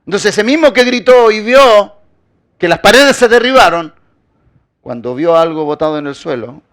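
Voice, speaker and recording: Male pastor, high voice, sermon delivery, rhetorical questions, emphatic repetition. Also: expressive, normal speed, fairly bright tone.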